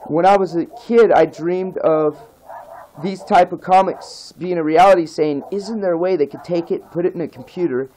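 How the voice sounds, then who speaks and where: Over slight background noise and a rough recording, a man raised in the nineties delivers a passionate, casual rant as a vlogger. His voice is a little mellow at normal speed, and he pleads repeatedly and emphatically, rising in pitch as he begs.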